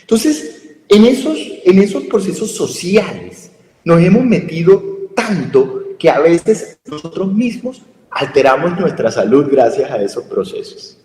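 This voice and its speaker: Man explaining with lively, rising pitch. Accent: Colombian Spanish. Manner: explanatory, asks rhetorical questions. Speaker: health communication speaker. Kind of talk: radio talk explaining to listeners. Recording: echoey room with long reverb.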